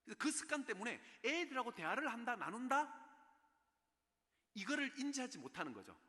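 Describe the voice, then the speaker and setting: A man's voice: extremely high pitch, big pitch swings, a little fast, bright, forceful tone. A man giving a special lecture on parenting at a church, often checking in with the audience through rhetorical questions. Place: church in Seoul. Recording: echoey church hall.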